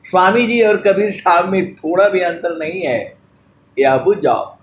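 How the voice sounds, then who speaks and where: A man giving a devotional sermon, drawing out sung verses slowly and turning fondly to his listeners between them. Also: high-pitched, echoey room, slight background noise. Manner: slow drawn-out chanting of verses between spoken teaching. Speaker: spiritual preacher.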